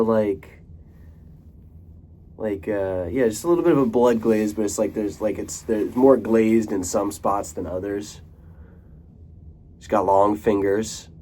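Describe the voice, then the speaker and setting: A man's voice: lowish voice, darkish tone, a little hiss or hum. A young man talking casually to camera in a rambling monologue, full of fillers, restarts and casual swearing. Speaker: vlogger.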